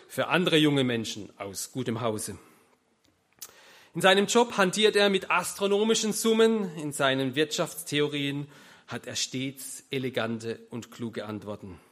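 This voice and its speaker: A man's voice: medium pitch, fairly bright tone. A man preaching a sermon, telling stories in an emphatic, wry manner.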